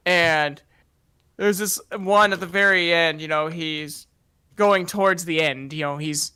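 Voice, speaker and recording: A man's voice: on the high side, steady tone, a little slow, pushed and bright, clear, resonant tone, dry recording. A young man streaming a casual watch-along chat, rambling and laughing and acting out sounds as he talks. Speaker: streamer and voice actor.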